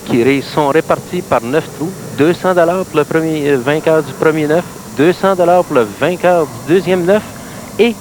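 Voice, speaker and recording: Quebec male golf-style analyst, noisy old broadcast. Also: fairly high pitch. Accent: Quebec French. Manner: informal, explanatory. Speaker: color analyst. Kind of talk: golf-commentator style analysis of a mini-putt match. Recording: noisy late-1980s TV sports recording.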